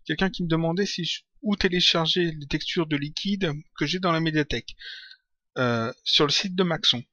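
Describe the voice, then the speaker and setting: A man answering viewer questions in a casual software tutorial, talking hesitantly with many fillers and restarts. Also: fairly high pitch, normal speed, dry recording, highs cut off. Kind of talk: casual screen-recorded Q&A.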